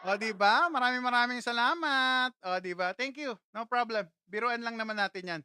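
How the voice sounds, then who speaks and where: A man's voice: very high-pitched, moderate pace, pushed and bright, smooth, dry recording, clean studio sound. A man hosting a casual livestream, telling a childhood story in a chatty way, laughing often and talking straight to his viewers. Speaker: livestream host.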